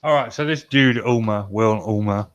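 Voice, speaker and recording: A man's voice: fairly low pitch, normal speed. A man co-hosting a podcast, mixing casual banter with loose story reading and swearing freely. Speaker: podcast co-host reading stories.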